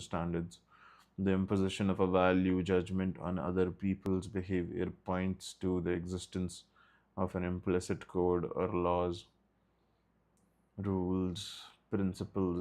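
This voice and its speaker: A man's voice: low voice, darkish tone. A man reading a textbook aloud in a study session, stopping now and then for short asides. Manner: reads steadily, breaks off for short asides. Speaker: study group leader.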